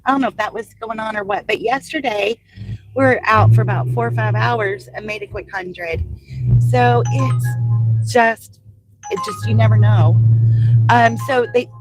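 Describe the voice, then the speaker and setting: An older American woman from the Louisville area of Southern Indiana chats casually on a live stream while driving deliveries in her car, rambling and answering viewers' comments from the live chat. Her voice is mid-range and a bit congested from allergies, and the recording is rough.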